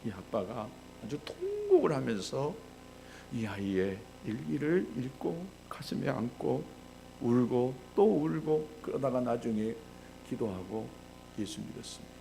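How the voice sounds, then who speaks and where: A male pastor preaching a sermon, telling a story with animated delivery and acting out the voices of the people in it. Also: mid-range voice, a little slow, vocal fry, faint music behind.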